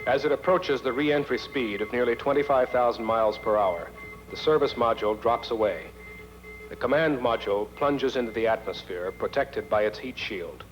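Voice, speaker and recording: A man's voice: medium pitch, normal speed. A man reading scripted narration for a documentary, on a muffled archival film soundtrack. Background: music.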